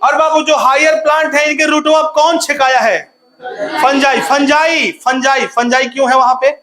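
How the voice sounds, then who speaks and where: A man's voice: very high-pitched, steady tone, moderate pace, a crowd in the background. A young man teaching a biology class online, constantly quizzing his students and teasing them with a laugh. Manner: call-and-response questioning, playful teasing; laughs often.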